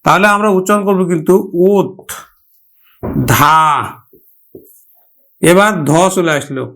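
Man, high voice, Bangladeshi Bengali accent, grammar teacher, step-by-step explaining, slow repeated example words. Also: pushed and bright. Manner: addresses students directly, explaining step by step. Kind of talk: online grammar lesson.

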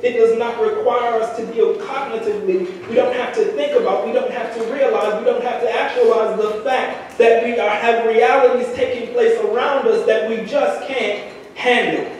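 High-voiced young man preaching in church. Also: fairly even intonation, moderate pace, slight background noise. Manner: rhythmic repetition, building to sung climaxes. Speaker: lay preacher. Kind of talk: sermon. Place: large church sanctuary. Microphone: handheld mic at pulpit. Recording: echoey church from far off.

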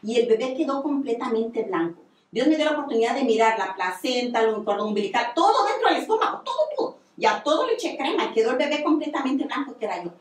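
A woman's voice: sits high, big pitch swings, quick pace, few pauses. A woman giving a religious testimony on the radio, telling her story earnestly with many repetitions. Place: radio studio. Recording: echoey room, distant mic.

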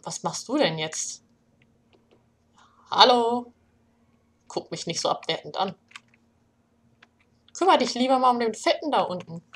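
A young woman hosting a let's play, commenting casually and shouting in panic when things get scary. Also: fairly high pitch, unhurried, long pauses, breathy edge. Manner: excitable, panicky shouting during scares.

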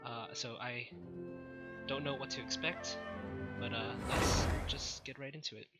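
A young adult hosts a gaming video with casual, off-the-cuff commentary. The voice sits at a middling pitch, and loud game music plays behind it. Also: fairly even intonation, unhurried. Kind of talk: casual let's play commentary.

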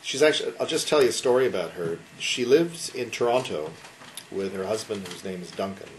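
A man's voice: lowish voice, lively intonation, a little fast. A man in his sixties talking enthusiastically at a dinner gathering, rambling with many restarts and asides. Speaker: concert sponsor and guest speaker. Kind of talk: casual after-dinner talk. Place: wood-panelled dining room with a seated crowd. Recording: noisy room recording.

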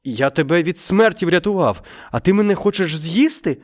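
Man voicing an honest male villager, earnest, pleading, lively pitch, storybook. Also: normal speed. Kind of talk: storybook reading.

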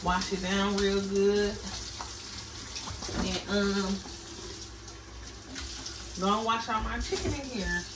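Her mid-range voice is fairly even and slow, with frequent pauses, as this vlogger chats with y'all while cooking at home. The audio comes from a camera across a small kitchen, roomy with running water and background noise.

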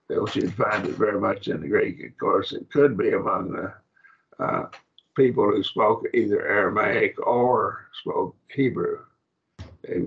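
Gravelly, husky older-sounding man teaching. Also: fairly low pitch, a bit bright, lo-fi sound. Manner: halting, repeats words, asks the class if it makes sense. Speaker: Bible class teacher. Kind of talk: classroom Greek lesson.

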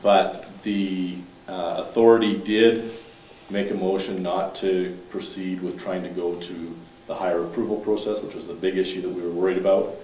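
A male town councillor reporting at a council meeting, talking in a halting, matter-of-fact way with many restarts. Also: sits low, little pitch movement, a little mellow. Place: council chamber, indoors. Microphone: far room mic. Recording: echoey room, distant mic, faint hiss.

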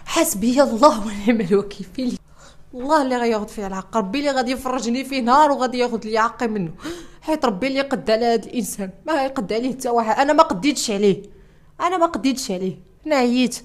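A woman's voice: on the high side, racing. A young woman with a Moroccan Arabic accent giving an emotional personal testimony, distressed, repeating herself and restarting her sentences. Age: young adult. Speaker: interviewee.

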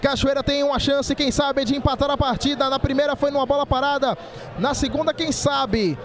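A man's voice: extremely high pitch, little pitch movement, brisk. A man with a Bahian accent calling a football match live from an outdoor ground. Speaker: football play-by-play announcer. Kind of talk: live sports commentary.

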